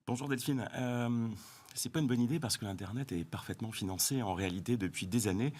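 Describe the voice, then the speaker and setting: A man interviewed as a guest on a TV set, explaining his case in an assured, fast-flowing way. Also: mid-range voice, darkish tone. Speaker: telecom company president, guest.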